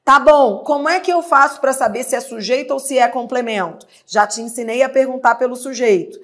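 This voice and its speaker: A woman with a high, fairly bright voice and a Brazilian Portuguese accent teaches an exam-prep grammar lesson. She is patient and gives drawn-out explanations, posing questions and then answering them herself.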